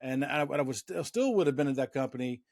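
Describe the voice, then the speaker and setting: A man's voice: medium pitch, fast, no room sound, clean studio sound. A middle-aged man hosting a casual interview, rambling through anecdotes and often restarting his sentences. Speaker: interview host.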